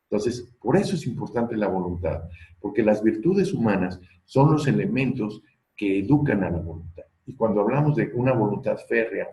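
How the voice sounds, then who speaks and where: A man's voice: fairly low pitch, roomy sound, rough recording. A man giving an earnest motivational talk, often acting out what people say. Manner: earnest, coaching, quotes people in lively voices. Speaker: speaker on personal growth.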